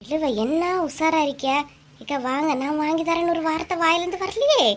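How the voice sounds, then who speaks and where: A high-pitched, chatty village neighbor in a cartoon, voiced by a woman. She gossips and teases in a broad Kanyakumari Tamil accent, trading quick remarks. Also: a little hiss or hum. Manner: chatty, teasing, rapid back-and-forth. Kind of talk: cartoon voice acting.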